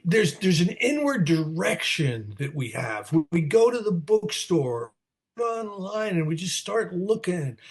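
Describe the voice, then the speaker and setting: A slightly high-voiced older man from New Jersey, in his 60s, rambles through candid answers to questions as a guest at a recovery meeting. Speaking over a video call, he keeps repeating words and straying into tangents.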